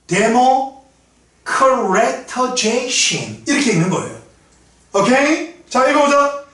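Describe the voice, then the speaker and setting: A man teaching an English class in a lecture style, blunt and profane, shouting at times and drilling pronunciation. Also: very high-pitched. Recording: very echoey room from far off.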